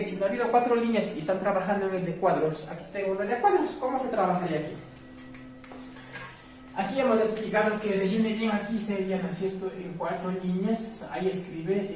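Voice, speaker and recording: A woman's voice: mid-range voice, a little mellow, a little hiss or hum. A woman teacher with an Ecuadorian Spanish accent explaining handwriting rules patiently, often asking "right?". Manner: patient, repeats tag questions. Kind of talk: classroom instruction to parents. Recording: echoey room, far from the mic.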